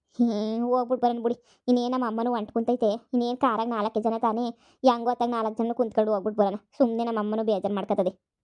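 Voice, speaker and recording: A woman playing a sharp-tongued young village wife. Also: a little high, flat delivery, fast, natural voice. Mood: agreeable.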